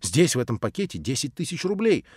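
A man doing a smooth, scheming old prince. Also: medium pitch, big pitch swings, fast talker, darkish tone, dry recording, studio quality. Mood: ingratiating. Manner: smooth, ingratiating, then sneering. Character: scheming, condescending aristocratic older prince.

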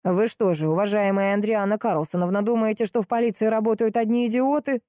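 A woman voicing a grumpy, irritable middle-aged male police colonel who talks dryly and gruffly, in an audiobook. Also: mid-range voice, lively intonation, brisk, mellow, dry recording, pitched above the performer's own voice, lightly acted. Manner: dry, gruff and snappish.

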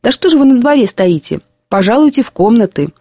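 A woman voicing an emotional, plump middle-aged woman with a shrill, thin voice who gushes and exclaims through tears. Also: sing-song, a little fast, mellow, no room sound, studio quality. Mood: tearful gushing. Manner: exclamatory, gushing, tearful.

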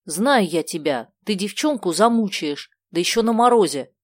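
A woman voicing a brisk, decisive adult woman who speaks firmly. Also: mid-range voice, expressive, no echo, clean studio sound, pitched above the performer's own voice, close to an everyday voice. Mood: bossy. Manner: firm, commanding.

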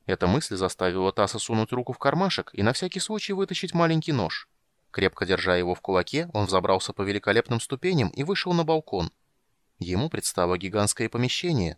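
A man narrating an audiobook in an expressive, animated reading. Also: low voice, no room sound.

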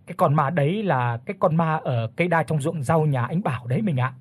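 A man voicing an anxious village mother who speaks quickly and wails, in a spoken ghost story. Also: fairly high pitch, animated, breathy edge, no room sound. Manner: wailing, quick.

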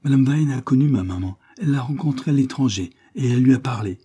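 A man reading aloud, voicing a feverish, dying little boy in a raised, soft, pleading voice. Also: medium pitch, animated, fast talker, husky, voice pushed up.

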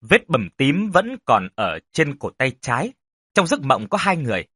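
A man narrating a ghost story in a dramatic, expressive way. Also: medium pitch, moderate pace, husky, dry recording, clean studio sound.

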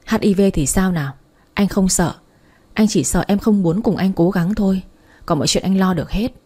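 A woman voicing a gentle, teasing young man in a read-aloud story, speaking softly and reassuringly. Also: mid-range voice, normal speed, husky, close to an everyday voice. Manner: soft, reassuring, lightly teasing.

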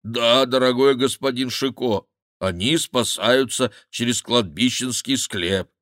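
A man voicing a fat, cowardly male monk who wails and pleads loudly, in a high, drawn-out voice in an audiobook. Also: dry recording, clean studio sound, natural voice. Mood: pleading. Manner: wailing, pleading, loud lamenting.

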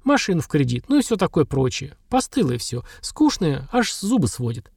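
A male reader putting on a blunt young nurse who grew up on the streets. Her voice sits higher than his own and swings lively through each line, with a gravelly edge. She talks in coarse slang and laughs things off dryly. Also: normal speed, dry recording, clean studio sound, heavily acted. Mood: weary. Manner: coarse slangy speech, wry chuckles. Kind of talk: audiobook dialogue.

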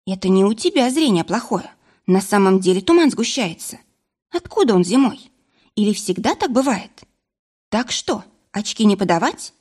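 A woman's voice: mid-range voice, sing-song, normal speed, darkish tone, husky. A woman voicing an anxious, impulsive young woman lost in a winter forest, pleading and emotional, in an audiobook.

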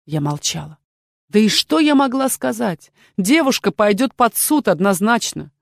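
A woman narrating a first-person novel in an even, measured way. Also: mid-range voice, vocal fry, no room sound, clean studio sound. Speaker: audiobook narrator.

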